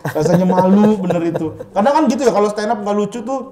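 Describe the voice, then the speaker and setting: A man's voice: high voice, animated, fast, warm tone, faint music behind. A man, a stand-up comedian chatting casually and agreeably, often echoing and affirming. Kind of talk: casual chat with anecdotes.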